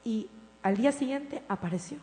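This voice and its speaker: A woman pastor preaching a sermon in a church, swinging from impassioned declarations to soft, tender storytelling. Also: on the high side, animated, moderate pace. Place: church sanctuary. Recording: reverberant hall with mains hum.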